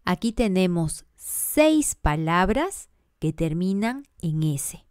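A woman's voice: on the low side, sing-song, takes it slowly, a little mellow, clear, resonant tone, dry recording, clean studio sound. A woman teaching a scripted grammar lesson, working through examples one word at a time and spelling out letters.

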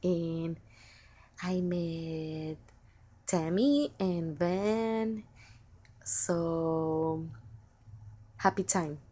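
Slow, soft-spoken woman showing off a craft haul. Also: on the low side. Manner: soft, unhurried, fond, with many ums and small laughs. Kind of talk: casual show-and-tell. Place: indoors at a table. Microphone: camera pointed down at table. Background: crinkling plastic packaging.

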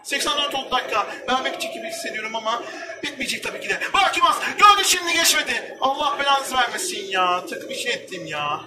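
A young man commentating his football video game, shouting and swearing in frustration at his players. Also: very high voice, very animated, quick pace, distant mic, background noise. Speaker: gamer. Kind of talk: excited gameplay commentary.

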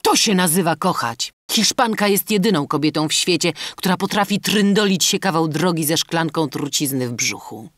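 A man's voice: on the high side, expressive, moderate pace, few pauses, no room sound, clean studio sound, voice pushed up. A man doing a bluff army captain. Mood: boisterous. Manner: loud, emphatic exclamations.

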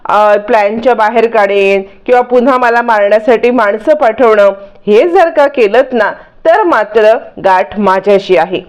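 A woman's voice: fairly high pitch, a little slow, darkish tone, close to an everyday voice. A woman voicing a scheming, overconfident young woman who threatens everyone, in a taunting way. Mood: threatening.

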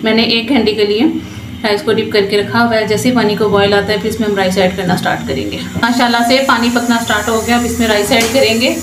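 Speaking at a quick pace with fairly even intonation and a slightly high voice, a woman presents a home cooking show. She gives chatty, instructive explanations of each step, sprinkled with short blessings. Her kitchen echoes, and food can be heard frying and being stirred.

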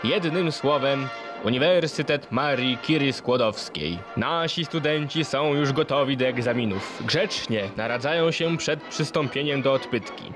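A man's voice: medium pitch, unhurried. A man narrating in the pompous, declamatory manner of an old newsreel voice-over, as a parody. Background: music.

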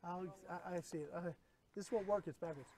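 A man's voice: high voice, a little fast, a little mellow, slight background noise, rough recording. A middle-aged man hosting a casual airgun demo at an outdoor range, chatty and upbeat as he gives instructions. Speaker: airgun shop host demonstrating a rifle. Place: open-sided tent at an outdoor desert range.

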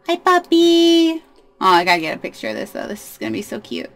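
A woman's voice: lowish voice, big pitch swings, very fast, a bit bright. A young woman hosting a life-sim let's play, chatting casually and talking to her game characters in a bubbly way. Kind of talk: casual gameplay commentary.

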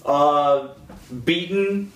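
A man's voice: on the high side, very slow, far from the mic. A man co-hosting a casual roundtable podcast about comics, blunt and profane as he tells stories. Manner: blunt, profane, lively storyteller. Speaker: podcast co-host. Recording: echoey room.

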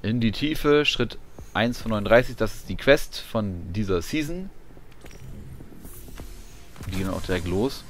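Muttering as he reads out menu items, a man gives relaxed commentary on his gameplay in a lowish, lively voice. He speaks unhurriedly with frequent pauses, and the game's ambient sound comes through clearly behind him.

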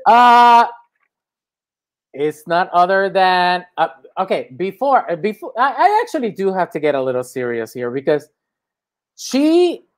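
A man's voice: high-pitched, very animated, a little slow. A man with a Spanish accent hosting a casual chat show, playful and rambling with theatrical flair, over a video call. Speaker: host.

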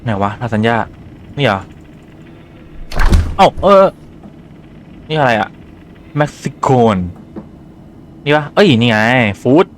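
A man's voice: medium pitch, expressive, slow, long pauses, slight background noise. Thai man with a cold, gaming. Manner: chatty, swears casually, reads game dialogue aloud in his own voice. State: has a cold, phlegmy throat. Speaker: gaming YouTuber. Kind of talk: casual let's-play commentary.

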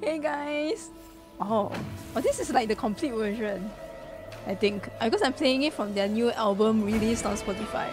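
A slightly hoarse, fairly high voice with lively intonation comes from a livestreamer in her twenties, speaking at normal speed into a desk mic in a small room. She greets viewers and fills her casual gaming chat with fillers, music playing behind her.

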